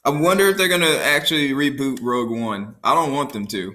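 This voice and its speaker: A man's voice: medium pitch, fairly quick, sharp tone. A young man chatting casually on a podcast, swearing freely and acting out quotes with lots of laughter. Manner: profane, laughs a lot, acts out quotes. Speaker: podcast host. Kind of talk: casual chat.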